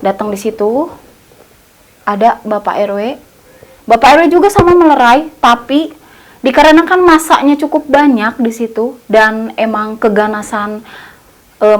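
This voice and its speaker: High-voiced woman telling a horror story. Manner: colloquial, repetitive, many fillers.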